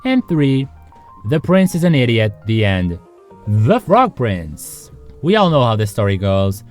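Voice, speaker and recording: Over soft background music, the host of a video series narrates with swooping liveliness and a joking, sarcastic edge, frequently turning to the viewer with offhand remarks. He speaks at a measured pace in a medium-pitched voice.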